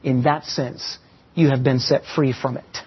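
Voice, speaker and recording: Husky preacher, dull lo-fi recording. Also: male voice, medium pitch, steady tone. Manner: teaching with illustrations and slow emphatic pauses. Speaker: pastor. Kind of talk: sermon.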